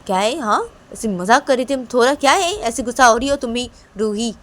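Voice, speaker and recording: Woman doing a cheeky playful young woman, teasing, a bit brighter and louder. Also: fairly high pitch, fast talker, husky, voice pushed up. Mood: defiant. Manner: teasing, easygoing, playfully defiant.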